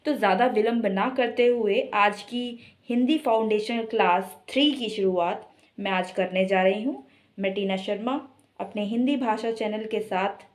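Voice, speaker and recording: A woman teaching an online Hindi class, explaining step by step and slowly stretching example words to show stress and tone. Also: mid-range voice, darkish tone.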